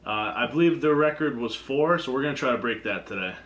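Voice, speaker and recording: A man's voice: mid-range voice, animated, quick pace, a bit bright, dull audio. A man in his thirties hosting a casual challenge vlog, talking in a kitchen a few feet from the camera. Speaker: video host. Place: indoor kitchen at a counter. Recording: echoey room, background noise.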